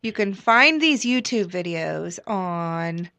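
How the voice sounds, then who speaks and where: A woman's voice: on the low side, expressive, takes it slowly, bright, forceful tone, no echo. Female radio host, encouraging, loose rambling questions, dry studio sound. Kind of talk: radio interview.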